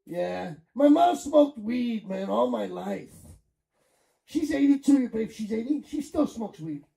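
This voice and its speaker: A man's voice: extremely high pitch, big pitch swings, takes it slowly, gravelly, mellow. A middle-aged man from Chicago doing crude, rambling stand-up comedy with crowd work on a club stage. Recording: echoey club room, mic at a distance.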